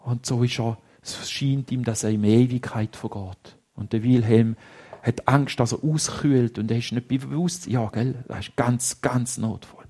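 A man with a Swiss German accent telling a story to children in a lively way, dropping to hushed tones for suspense, in a husky voice. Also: mid-range voice, measured pace.

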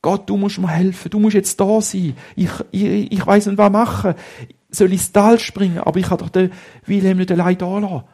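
A man with a Swiss German accent voicing a frightened young boy who pleads urgently for help, in a husky voice. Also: sits high, flat delivery, normal speed, mellow, voice pushed up. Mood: pleading.

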